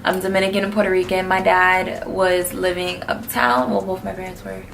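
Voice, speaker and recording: Laid-back young New woman, vocal fry. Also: fairly low pitch, flat delivery, moderate pace, a bit bright, slight background noise. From New York. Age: early 20s. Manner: slangy, blunt, laid-back. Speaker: vlogger answering fan questions. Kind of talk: casual Q&A chat.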